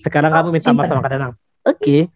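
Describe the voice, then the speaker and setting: A man's voice: fairly high pitch, fast, a crowd in the background. Playful male children's storyteller. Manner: playful, coaxing children to answer along. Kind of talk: lively puppet show for children. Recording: slightly dull, dry recording.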